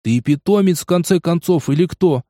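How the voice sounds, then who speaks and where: A man's voice: fairly high pitch, normal speed, dark tone, dry recording, pitched above the performer's own voice, lightly acted. Impatient young game player, read by a man, blunt questions, dry close sound. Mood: exasperated.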